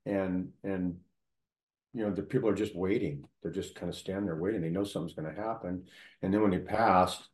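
Deep-voiced man telling history, echoey room. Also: fairly even intonation, darkish tone. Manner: storytelling, halting with many fillers and restarts. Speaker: local history storyteller. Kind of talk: casual conversation.

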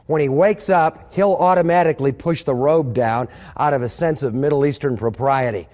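Man doing an older mother-in-law, chatty, coaxing, folksy, slightly high voice, echoey hall. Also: moderate pace, a little mellow, lightly acted.

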